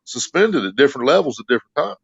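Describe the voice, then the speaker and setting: A man's voice: medium pitch, sing-song, fast talker, creaky, husky, dry recording. A man on a video call confidently explaining his fishing tips in a casual chat. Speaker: stream guest. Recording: dull lo-fi call audio.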